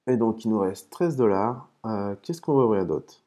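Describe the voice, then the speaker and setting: A man hosting a casual gaming video, explaining terms patiently between hesitant pauses and muttered curses at his own mistakes. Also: lowish voice, expressive, mellow. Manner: hesitant, with frequent "euh" and restarts. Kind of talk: casual commentary while opening game cases.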